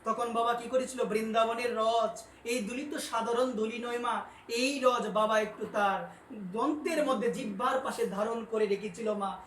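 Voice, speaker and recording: A man's voice: extremely high pitch, steady tone, unhurried. Male preacher with call-and-response questions. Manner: keeps asking listeners questions and addressing them as mother; rises to loud, emphatic peaks. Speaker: devotional preacher. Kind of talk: devotional sermon with call-and-response. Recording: roomy, distant mic with faint noise.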